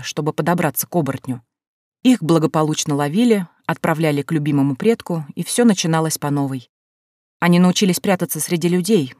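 Casual: woman reading sly sorcerer guy explaining calmly, dry close sound. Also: lowish voice, dry recording, close to an everyday voice. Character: sly middle-aged male sorcerer, calm and persuasive.

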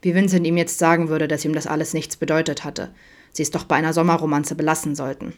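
Low-voiced woman reading an audiobook calmly. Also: fast. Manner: calm, soft, even reading. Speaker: audiobook reader. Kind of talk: audiobook narration.

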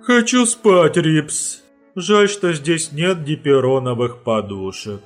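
A drowsy older mentor full of sayings drifts through his words in a slow, swooping sing-song, as a man reads him aloud in an audiobook. The voice sits higher than the narrator's own and rises and falls widely. Soft music plays faintly behind. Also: lively intonation. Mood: musing. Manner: slow, sing-song delivery with wide pitch swings. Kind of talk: audiobook reading.

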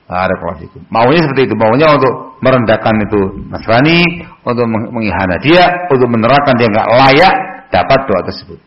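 A man teaching a hadith book in a mosque, chatting with his audience and quizzing them, and chanting the Arabic passages louder. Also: mid-range voice, expressive, a little fast, lo-fi sound. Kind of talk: mosque study lecture.

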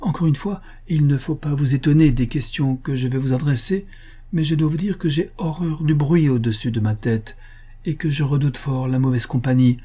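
A reserved young widow speaks with a lifted, gentle tone, read by a man in a storybook voice. Her questions are careful and courteous, and she sounds anxious underneath. The delivery is mellow and a little husky. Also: medium pitch, pitched above the performer's own voice, close to an everyday voice. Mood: inquisitive. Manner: polite, measured questioning.

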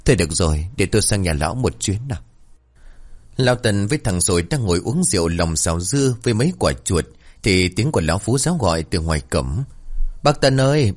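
A man narrating a comic village folk tale in a lively storytelling manner. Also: lowish voice.

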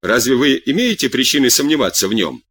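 A man's voice: mid-range voice, very animated, fairly quick, fairly bright tone, a little hiss or hum. A man voicing a proud, jealous young count who presses his questions insistently.

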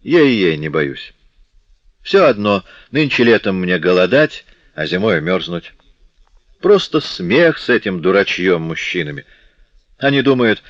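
A man's voice: sits low, big pitch swings, measured pace, no room sound. A man reading the part of a ragged young street girl who scornfully taunts a gang of robbers without fear. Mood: defiant. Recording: dull dry lo-fi audiobook recording.

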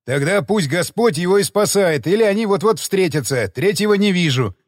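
A man voicing a cynical, callous frontiersman in a storybook reading, gruff and dismissive. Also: sits high, expressive, moderate pace, no room sound, clean studio sound. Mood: scornful.

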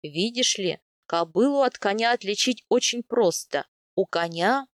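A woman voicing a young steppe man, a teasing and tender captor, speaking low, slow and coaxing for an audiobook. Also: lively intonation, no echo, clean studio sound, natural voice. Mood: gentle. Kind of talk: audiobook character voice.

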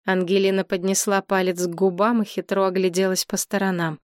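A woman narrating an audiobook in an even, measured reading. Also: mid-range voice, dry recording, studio quality.

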